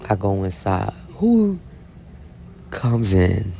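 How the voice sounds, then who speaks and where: A woman's voice: extremely low pitch, slow pace, vocal fry, husky. A woman casually telling a story as a vlogger, chatty and blunt, often checking in with "right?". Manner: chatty, animated, constantly asks "right?"; blunt and unapologetic. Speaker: Bible reading vlogger.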